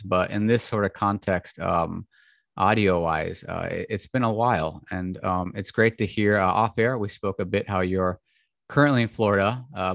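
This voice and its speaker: A man hosting a podcast, introducing a guest and asking questions in a steady manner. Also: fairly low pitch, creaky, dry recording, studio quality. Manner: steady, reads bio then chats. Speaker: podcast host. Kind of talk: scripted intro then casual chat.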